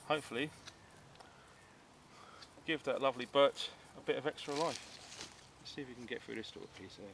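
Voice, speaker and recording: A man's voice: medium pitch, fairly quick, gravelly, background noise. A British man chatting casually outdoors in a blokey, jokey, slangy way while trying out gear. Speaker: outdoor bushcraft vlogger. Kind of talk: casual chat while testing a knife. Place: outdoors among trees and undergrowth.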